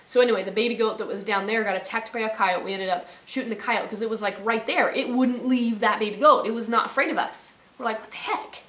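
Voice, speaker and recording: A woman's voice: on the high side, steady tone, quick pace, hardly any pauses, fairly bright tone, roomy sound. A woman vlogging from her ranch, telling a story casually and rambling, often correcting herself. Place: outdoors on a ranch.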